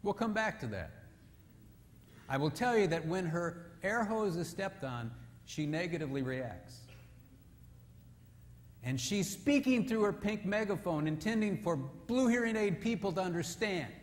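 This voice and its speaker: A man preaching a sermon with a fairly high voice, telling stories in an animated way and sinking low and soft to drive points home. The sound carries a long reverb from the church hall. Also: a little slow, slight background noise. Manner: animated storytelling, drops low and quiet for emphasis. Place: church sanctuary.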